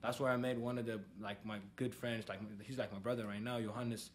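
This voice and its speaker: A young man from Ethiopia, guesting on a podcast and talking loosely, full of "like" and "um". His voice sits at a middle pitch. There is a faint hiss of noise behind him. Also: a little fast. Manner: relaxed, many fillers and "like". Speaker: podcast guest, soccer coach. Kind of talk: casual conversation.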